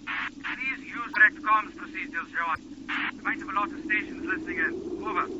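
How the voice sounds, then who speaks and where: Brisk rescue boss on a two-way radio, clipped call-sign talk, static bursts, muffled and noisy, as a man voices him. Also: high voice. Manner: clipped, by-the-book radio procedure. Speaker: mountain rescue team leader. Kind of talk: radio drama acting.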